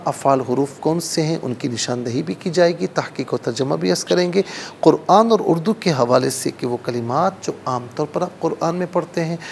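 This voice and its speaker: A man teaching Quran recitation, explaining pronunciation rules and chanting the verses slowly. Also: on the high side, creaky, darkish tone, a little hiss or hum. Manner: slow melodic recitation between explanations. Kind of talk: recitation lesson.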